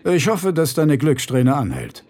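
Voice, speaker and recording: A man voicing a big, powerful rich man who speaks in a booming, gruff and coldly courteous manner. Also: wildly swooping pitch, unhurried, a little mellow.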